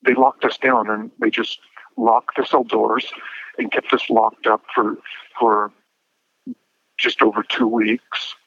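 A man in his fifties speaking as an incarcerated interview guest over a prison phone line, measured and a little hesitant, with small restarts. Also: lowish voice, flat delivery, vocal fry, a bit bright, no room sound. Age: 50s. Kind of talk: telephone interview. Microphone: prison telephone handset. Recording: muffled phone line, dry.

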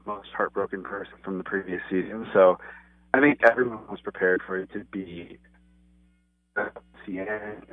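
A man's voice: lowish voice, normal speed, no room sound. Man on a clipped, tinny phone line. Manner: earnest, rambling, many restarts and fillers. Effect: clipped phone line that cuts out. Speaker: interview guest calling in. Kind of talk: casual phone interview. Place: outside his office.

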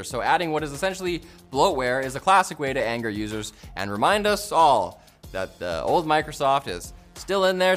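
A man hosting a tech news rundown, reading a script with jokey, sarcastic asides. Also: a little high. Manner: sarcastic, jokey, animated delivery.

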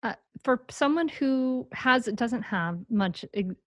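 A woman's voice: fairly high pitch, animated, slow pace, no echo, lo-fi sound. Woman interviewer with a dry, close sound. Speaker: interviewer, host. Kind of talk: conversational interview questioning.

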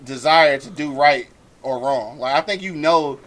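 A man's voice: medium pitch, unhurried, fairly bright tone, poor audio. A man talking casually in a group discussion, using informal, profane slang.

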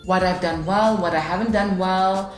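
The voice here is lowish and steady, moving at a moderate pace, as a woman in her late twenties talks casually on her solo podcast. Alone in a reverberant room at a studio mic, with soft background music, she's chatty, upbeat and self-deprecating.

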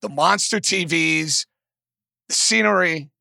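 A man hosting a sports betting show in a worn-out, hoarse smoker's rasp, emphatic and repeating phrases for punch. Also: fairly high pitch, takes it slowly, pushed and bright, no room sound, clean studio sound. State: voice strained and worn out. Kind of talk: animated sports betting commentary. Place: casino in Las Vegas.

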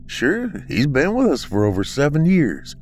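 A man voicing a fussy middle-aged male funeral home manager in an audiobook, speaking high and fretful. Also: wildly swooping pitch, moderate pace, faint music behind.

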